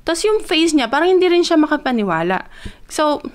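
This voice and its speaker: A woman's voice: sits high, fairly quick. A young woman from the Philippines, telling a personal story in a casual vlog and mixing Tagalog and English with lots of fillers. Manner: grows excited as she retells. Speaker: vlogger.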